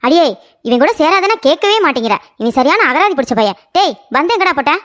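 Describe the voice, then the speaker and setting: A woman voicing a sharp-tongued mother in a cartoon story, scolding and quarrelling with a neighbour. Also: high-pitched, lively intonation, quick pace. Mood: quarrelsome.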